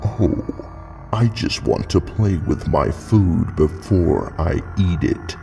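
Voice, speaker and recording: A man's voice: low voice, takes it slowly, gravelly, dark tone, distant mic, soft background music, full character voice. A man voicing a wily, cruel wolf beast with a sly, menacing manner in a horror story.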